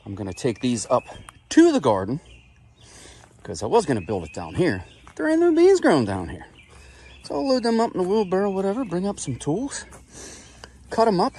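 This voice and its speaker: Chatty, lively-voiced man vlogging outdoors. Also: a little high. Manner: chatty, rambling, self-deprecating. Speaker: gardening vlogger. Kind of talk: casual outdoor vlog. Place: outdoors in woods and garden.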